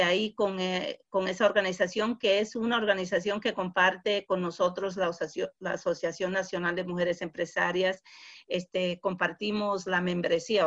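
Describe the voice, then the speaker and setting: A woman's voice: medium pitch, fairly bright tone. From a woman, dull audio. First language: English. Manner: halting, searching for words. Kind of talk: casual conversational interview.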